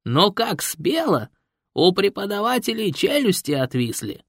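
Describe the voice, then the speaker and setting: A man voicing a grumpy, shrewd old village man with a creaky, gruff voice in an audiobook. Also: sits high, sing-song, a little slow, a bit bright, no echo, clean studio sound, pitched above the performer's own voice, exaggerated voice. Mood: storytelling. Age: older. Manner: folksy, blunt storytelling. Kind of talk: audiobook character voice.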